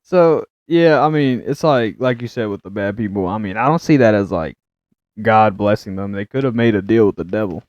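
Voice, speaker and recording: A young man co-hosting a casual podcast, rambling with lots of fillers and getting loud and excited. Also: on the low side, moderate pace, dry recording. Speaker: podcast co-host. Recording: dull, muffled dry sound.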